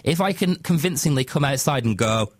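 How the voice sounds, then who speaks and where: A man with a Lancashire accent hosting a radio breakfast show, excitable and mock-dramatic, laughing often. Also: medium pitch, a little fast, no echo. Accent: Northern English, Lancashire. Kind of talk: lively radio chat. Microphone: studio microphone.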